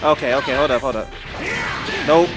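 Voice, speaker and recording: Over game music, a gaming channel host delivers excitable live commentary to the screen, breaking into frequent outbursts and shouts. His voice sits in the mid range and he talks briskly.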